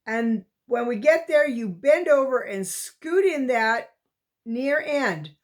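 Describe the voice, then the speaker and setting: A woman's voice: high-pitched, expressive, slow pace. A woman voicing a determined young mountain boy in a storybook reading, urgent and commanding.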